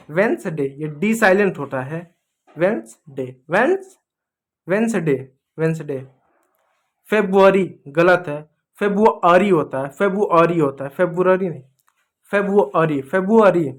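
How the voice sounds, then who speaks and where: A man from India teaching English pronunciation, drilling each word over and over in a teasing, scolding way. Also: on the high side. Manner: repetitive, drilling words over and over. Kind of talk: classroom lesson.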